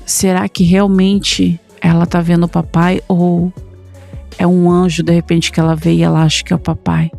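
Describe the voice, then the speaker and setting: A woman with a Brazilian accent tells a personal supernatural account about her young daughter in a halting, conversational way full of fillers. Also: lowish voice, little pitch movement, gravelly, warm tone, faint music behind. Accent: Brazilian Portuguese. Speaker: mother telling a personal account.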